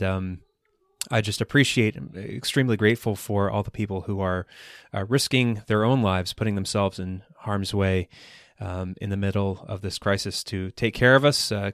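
A man's voice: fairly low pitch, clear, resonant tone, no room sound, clean studio sound. A man in his thirties hosting a podcast in casual chat, rambling with lots of fillers and restarts. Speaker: podcast host.

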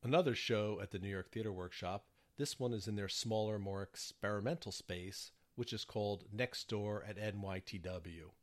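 A man reading his prepared theater reviews in a measured scripted narration. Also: on the low side.

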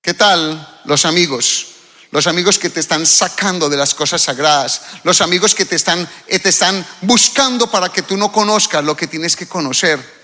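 A man's voice: on the high side, moderate pace, sharp tone. A man preaching a fervent sermon to his church, often asking the congregation questions. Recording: long hall reverb.

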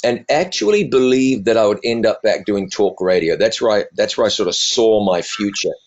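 Speaking on the low side at a normal speed, this middle-aged man is an evangelist and TV presenter answering interview questions through stories. He's lively and pokes fun at himself, his New Zealand accent worn down by decades in America. The recording is lo-fi.

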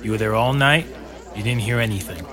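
A man's voice: fairly low pitch, brisk, crowd noise, natural voice. A man voicing a blunt, sardonic police detective in an audio drama, questioning witnesses in a dry way. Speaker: detective character.

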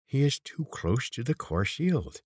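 A man's voice: mid-range voice, sing-song, unhurried, a little mellow, slightly rough, dry recording, clean studio sound, voice pushed up. A man doing a quavering, menacing old man. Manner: snapping, threatening.

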